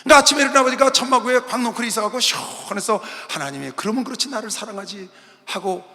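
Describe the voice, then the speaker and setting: A male pastor preaching a sermon, dramatic and swinging between loud bursts and quiet asides, in a large arena hall. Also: very high voice, fast talker. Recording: long arena hall reverb.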